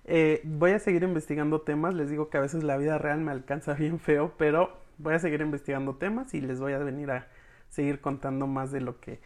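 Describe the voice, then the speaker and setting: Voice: mid-range voice, steady tone, fairly quick, a little mellow. Chatty podcast host. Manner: chatty, keeps calling listeners friends. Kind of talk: casual sign-off to listeners.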